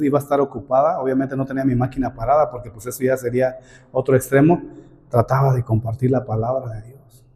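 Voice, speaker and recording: A man's voice: mid-range voice, mellow. A middle-aged man preaching a sermon, calling listeners "brother" and asking many rhetorical questions. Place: church hall. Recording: long hall reverb.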